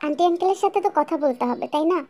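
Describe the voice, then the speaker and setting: A courteous young bride who speaks formally and respectfully, voiced by a woman. Her voice is very high-pitched and close to the performer's own. It suits an amateur audio drama. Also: expressive, racing, dark tone. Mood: polite. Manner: polite, formal speech. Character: polite young bride meeting her in-laws.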